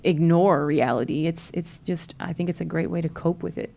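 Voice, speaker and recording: In a laid-back podcast interview, a woman from Louisiana with a Southern American accent speaks earnestly and encouragingly, using many fillers. Her voice sits low, gravelly and warm at a moderate pace, with a little hiss or hum in the background.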